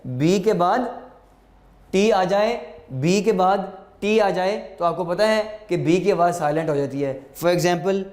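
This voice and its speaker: A man teaching English vocabulary, slowly dictating words and meanings and repeating them for students. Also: high-pitched, a little mellow, echoey room. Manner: slow, deliberate, repeats words for students to note down.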